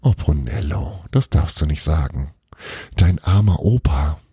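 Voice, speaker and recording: A man's voice: a bass voice, lively intonation, a little slow, mellow, slightly rough, no room sound, studio quality, heavily acted. A man reading a storybook aloud, voicing a cheeky girl who insists on her wild tales in a playful, teasing manner.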